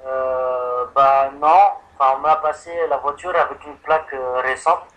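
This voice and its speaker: A man on a phone line improvises a prank call, posing as an insurance customer who rambles and hesitates as though confused. His mid-range voice is steady, unhurried and slightly bright.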